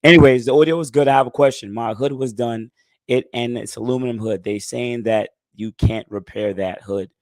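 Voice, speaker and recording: A man in his thirties hosts a casual live stream Q&A, answering the live chat in a laid-back, conversational way and often saying "you know what I'm saying." He's hoarse as he recovers his lost voice. His medium-pitched voice is steady, a little mellow, and at normal speed, with no echo.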